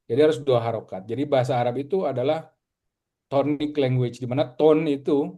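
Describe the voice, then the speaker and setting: A man from Indonesia leads a relaxed Arabic class. His warm, dark-toned voice sits at an ordinary pitch. He drills each word patiently and slowly, so his students can follow. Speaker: Arabic teacher. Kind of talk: casual online lesson.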